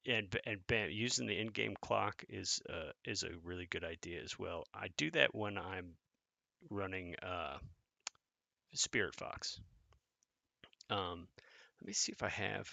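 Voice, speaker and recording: A man talks his way through a strategy game attack in loose live commentary, thinking aloud and answering his viewers as he plays. His voice is low, gravelly and forceful. The sound is close and dry, with no room echo. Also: expressive, measured pace. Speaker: gaming content creator.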